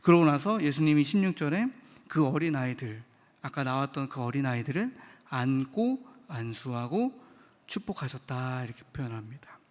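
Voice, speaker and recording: A man's voice: medium pitch, normal speed. A man preaching a Wednesday evening church sermon in a conversational way, asking the congregation questions and acting out short quoted lines. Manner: acts out short quoted lines in lively voices. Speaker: licensed preacher. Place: church sanctuary. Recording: long hall reverb.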